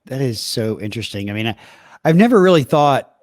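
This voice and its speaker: A man's voice: mid-range voice, sing-song, fairly quick, a little mellow, no echo. A man with a Southern US accent hosting a podcast interview, asking curious, enthusiastic questions in a casual chat. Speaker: podcast host.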